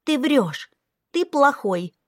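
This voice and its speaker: A headstrong little princess girl, voiced by a woman narrator in a storybook reading. Her voice sits high and childlike, insistent and a bit whiny. The sound is dry and close. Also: animated, slow pace, no room sound. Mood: stubborn. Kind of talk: audiobook character voice.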